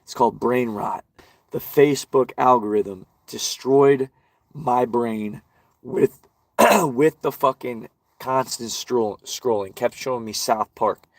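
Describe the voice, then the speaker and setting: A man's voice: medium pitch, takes it slowly, no room sound. A man ranting and swearing constantly while walking outdoors in a park, vlogging. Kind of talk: profane outdoor rant.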